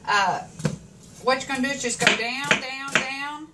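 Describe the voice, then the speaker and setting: A chatty woman with a fairly high voice talks viewers through her cooking. She sounds a little off from the mic, with chopping and sizzling pans clear in the kitchen around her. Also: unhurried. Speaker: home cooking vlogger. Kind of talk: casual cooking chat. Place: home kitchen. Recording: home kitchen, mic at a distance, cooking noise. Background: chopping, sizzling pans and dishes.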